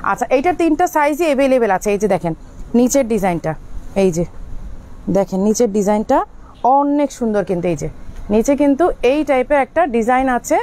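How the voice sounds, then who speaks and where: A woman's voice: a little high, animated, brisk, warm tone. A woman hosting a live clothing sale from inside a shop. She talks in a chatty, repetitive way and stops now and then to direct staff. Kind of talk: live product showcase. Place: indoors in a clothing shop outlet.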